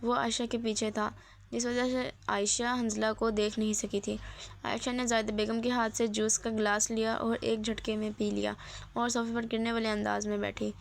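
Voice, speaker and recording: A woman's voice: fairly high pitch, little pitch movement, vocal fry, slight background noise. A woman reading a romance novel aloud as narrator, voicing every character's lines in her own voice.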